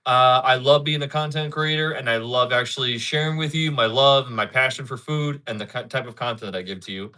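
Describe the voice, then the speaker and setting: Thirties male streamer, bright forward voice, loose rambling chat with viewers. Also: mid-range voice. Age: 30s. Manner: rambling, repeats himself, talks back to chat. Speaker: livestreamer. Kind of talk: casual live-stream chat.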